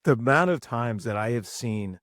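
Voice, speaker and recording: A man's voice: mid-range voice, animated, normal speed, no echo. Man, former military mechanic, profane storytelling, dry close sound. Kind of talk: casual podcast chat.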